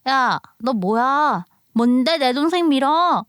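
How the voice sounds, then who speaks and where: Woman doing a bratty big sis, high and bossy, talking down at a kid. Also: expressive, takes it slowly, fairly bright tone, no echo, clean studio sound, exaggerated voice. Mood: menacing. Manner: threatening, scolding. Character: bossy older girl, protective big sister.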